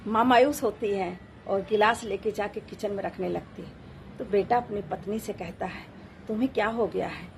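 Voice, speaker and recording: A woman narrating a family moral story in a plain, steady storytelling manner. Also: mid-range voice, moderate pace, vocal fry, a little hiss or hum.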